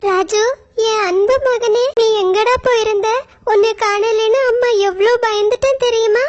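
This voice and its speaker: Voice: very high voice, steady tone, measured pace, dull audio. A performer voicing an affectionate, fretful mother crow in a cartoon story. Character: mother crow, loving and anxious.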